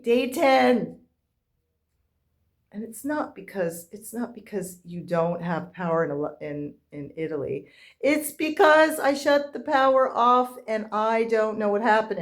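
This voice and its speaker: A woman vlogging casually from her apartment and the street, chatty and excitable, squealing with joy now and then. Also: a little high. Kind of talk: casual vlog chat. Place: apartment and street in an Italian village, in and out of doors.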